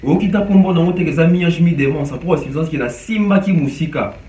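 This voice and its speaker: Male music commentator, hesitant and code-switching, somewhat high voice, roomy and distant sound. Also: quick pace. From DR Congo. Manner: mixes French and Lingala, animated with frequent hesitations. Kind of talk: casual spoken commentary. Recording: echoey room, distant from mic.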